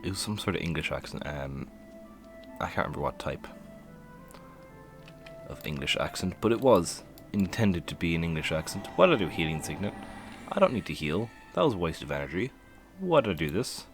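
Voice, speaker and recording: A man's voice: deep voice, very animated, a little fast, long pauses, faint music behind. A man giving casual, playful commentary while streaming a game, laughing and humming to himself as he plays.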